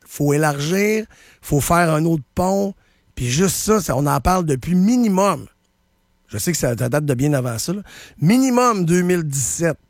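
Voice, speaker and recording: A man's voice: on the high side, creaky, no echo, studio quality. A man with a Quebec French accent, hosting a radio show and commenting on traffic news in a casual, opinionated way with lots of fillers and restarts. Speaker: radio host.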